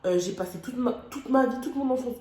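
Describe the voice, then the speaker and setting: A woman's voice: on the high side, a little fast, warm tone. A young woman from France telling a personal story on her vlog, emotional and dramatic, with casual slang. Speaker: vlogger. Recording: echoey room.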